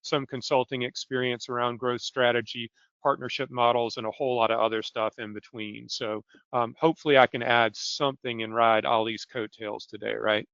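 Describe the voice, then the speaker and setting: A man in his fifties from South Carolina with a smooth, resonant voice. He introduces himself briskly and easygoing, poking fun at himself. The audio is dry and dull, like a lo-fi video call. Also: mid-range voice, level tone, a bit bright, no echo. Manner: brisk, easygoing and self-deprecating. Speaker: guest, executive coach. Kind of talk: self-introduction on a webinar.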